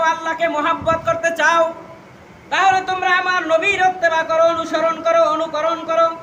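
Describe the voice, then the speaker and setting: A male Islamic preacher with a Bangladeshi Bengali accent delivers an impassioned religious sermon with storytelling, his voice extremely high, piercing, bright and forceful. He speaks declamatorily and emotionally, repeating phrases for emphasis. Long reverb and some background noise surround the sound.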